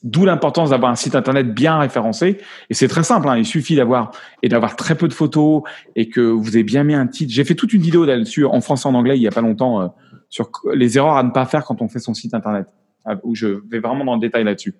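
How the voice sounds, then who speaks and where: A man's voice: medium pitch, fast talker, a little mellow. A man in his forties, a photographer and actor, chatting openly as an interview guest and often restarting his words. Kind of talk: casual interview chat.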